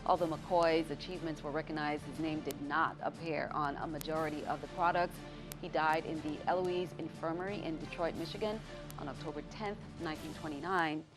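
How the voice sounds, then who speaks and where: A woman news anchor reading scripted news in a measured, formal announcer delivery. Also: lowish voice.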